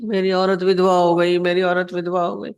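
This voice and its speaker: A man's voice: sits high, monotone, moderate pace, smooth. A man acting out a simple-minded fellow who wails over and over that his wife has been widowed, told as a story within a sermon. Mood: wailing. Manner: wailing, repeating himself.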